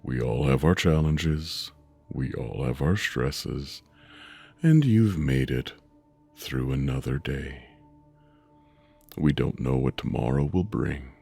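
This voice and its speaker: Male meditation narrator, bottomless gravelly rumble, unhurried soothing delivery with long pauses, music underneath. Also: animated. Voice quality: deep rumbling voice. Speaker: meditation guide. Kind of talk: guided sleep meditation narration. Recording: soft music bed under voice. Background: soft music.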